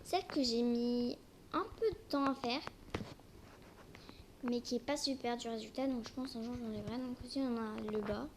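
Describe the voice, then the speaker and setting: A woman's voice: on the high side, moderate pace. A young female speaker with braces slightly impeding her articulation, casually and hesitantly presenting a game in a homemade video. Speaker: amateur video creator. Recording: noisy homemade recording with clicks.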